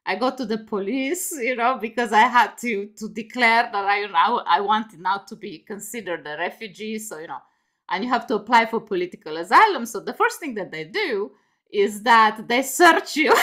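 A Romanian woman in her fifties, whose first language is Romanian, is a guest in a casual video call interview from a home room with bookshelves. Her mid-range voice is a bit bright, and she talks animatedly with lots of laughter and "you know".

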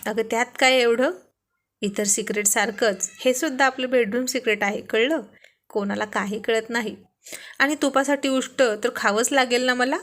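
A woman's voice: on the high side, steady tone, moderate pace, fairly bright tone, close to an everyday voice. A woman voicing a playful, teasing young husband in a read-aloud story. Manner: teasing, affectionate.

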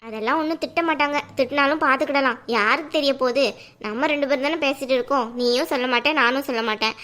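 A woman's voice: sits high, fast, pushed and bright. A woman voicing a bossy, teasing older sister in a cartoon, with a Tamil accent. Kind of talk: cartoon voice acting.

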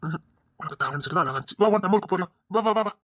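Woman voicing a lovesick husband, husky and dry, for an audio drama; insistent, coaxing, possessive. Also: sits low, animated, racing, fairly bright tone, dry recording. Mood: pleading. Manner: pleading, insistent, swings between coaxing and threats. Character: possessive lovesick young husband, pleading and stubborn.

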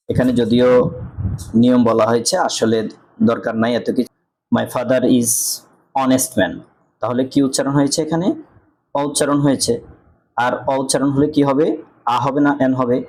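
A man with a Bangladeshi accent teaching English articles, reading example sentences slowly and answering his own questions. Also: medium pitch, steady tone, a little mellow, low-quality recording. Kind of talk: grammar lesson.

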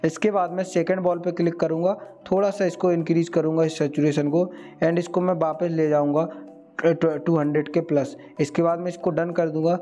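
A man's voice: fairly high pitch, moderate pace, dull audio. Man narrating an editing tutorial. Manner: steady instructional, mixing English words into Hindi. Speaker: video tutorial host. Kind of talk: step-by-step screen tutorial.

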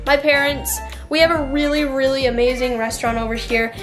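A woman's voice: high voice, steady tone, fairly quick, faint music behind. A young woman vlogging casually, chatting playfully to her viewers. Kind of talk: casual vlog chat.

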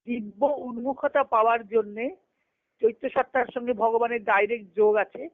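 Over thin phone-line conference call audio, a woman with a slightly high voice speaks at normal speed with fairly even intonation and no echo. She gives a devotional philosophical discourse as a spiritual teacher, didactically posing questions, answering them, and repeating phrases.

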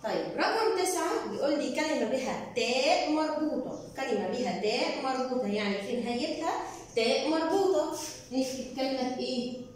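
A woman teacher with an Egyptian Arabic accent, slowly and patiently explaining a primary school lesson. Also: high-pitched, lively intonation. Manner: slow, patient explaining, drawing out words. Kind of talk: recorded classroom lesson. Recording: echoey room, distant mic, faint noise.

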